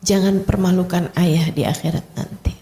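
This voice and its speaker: A woman's voice: fairly low pitch, steady tone, normal speed, dark tone. A woman Islamic preacher, giving a religious lecture in casual storytelling speech and addressing her audience directly. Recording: echoey hall with long reverb.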